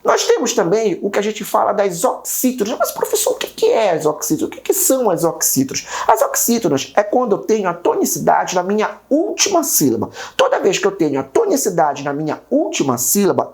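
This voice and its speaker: A woman's voice: medium pitch, big pitch swings, brisk, few pauses, a little mellow. A woman teacher with a Brazilian Portuguese accent giving an upbeat grammar lesson, chanting rules over and over. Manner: upbeat, repeats rules in sing-song chants.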